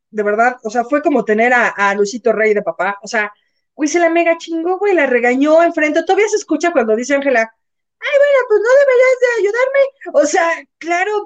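Lively Mexican woman gossiping, high voice. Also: a little fast. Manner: animated storyteller, acts out quotes, swears casually. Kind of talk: casual gossip chat. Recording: slightly dull, lo-fi sound.

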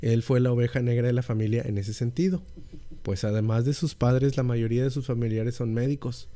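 A man's voice: medium pitch, brisk, dark tone. A man co-hosting a casual film podcast, chatty and rambling with frequent restarts. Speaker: podcast co-host.

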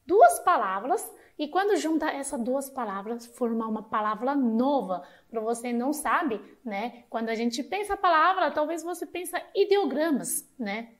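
A woman with a Chinese accent and Mandarin as her first language, slowly and patiently teaching a short lesson on a talk show. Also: a little high. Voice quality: slow, patient explaining with repeated drilled syllables.

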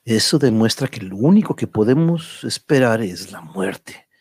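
An actor playing a calm adventure hero in a radio drama, speaking in a measured, reassuring way. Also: male voice, lowish voice, slightly rough, dry recording. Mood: grave. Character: calm, stoic adventure hero counselling patience.

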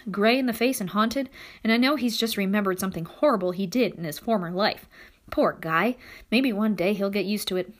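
A woman reading a novel aloud as first-person narration, in a lively, expressive storytelling manner. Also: medium pitch. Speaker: audiobook narrator.

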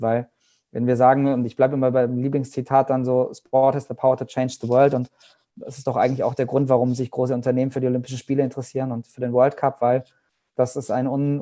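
A middle-aged man holds forth in an interview, his voice mellow and dark. His pitch stays fairly even, and he circles his points with restarts and fillers as he thinks aloud. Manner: reflective, many restarts and fillers. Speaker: guest, sports marketing agency head. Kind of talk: interview answer.

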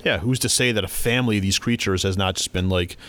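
A man's voice: low-pitched, quick pace, fairly bright tone. A man co-hosting a podcast in casual chat, telling stories with animation and reading quotes aloud. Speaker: podcast co-host.

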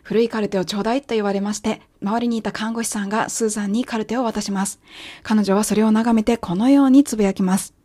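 Woman, native Japanese, English teacher, clear patient explainer, dry close mic. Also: medium pitch, fairly even intonation, fast talker, mellow, no room sound. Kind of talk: language lesson narration.

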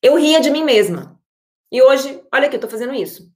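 A Brazilian woman giving an energetic, expressive motivational talk to her audience as an online creator. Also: high voice, brisk, roomy sound.

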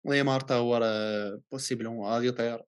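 A man's voice: medium pitch, fairly even intonation, fast talker, clear, resonant tone. A man with a Moroccan accent in a casual football debate, insistently repeating himself and dropping in many French phrases.

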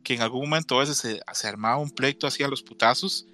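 With a sharp, mid-range voice and a quick pace, a man in his thirties tells stories as a podcast co-host. His accent is Mexican Spanish, the talk is casual, and he laughs as he mimics other people's voices.

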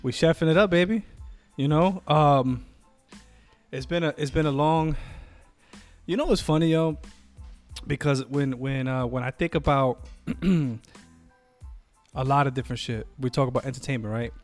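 Male podcast co-host, mid pitch, loose, profane, rambling delivery. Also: normal speed, long pauses, a little mellow, soft background music. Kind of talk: casual chat.

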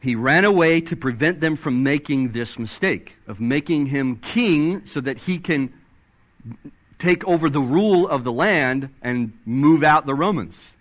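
Animated man preaching a sermon. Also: measured pace. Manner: excitable, animated preaching with swings in pitch. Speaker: pastor.

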